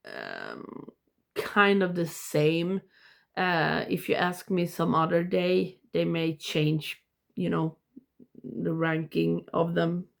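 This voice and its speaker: A woman with a blocked nose giving a casual video review, rambling and haltingly, often interrupting herself. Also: on the low side, creaky. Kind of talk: casual ranking review to camera.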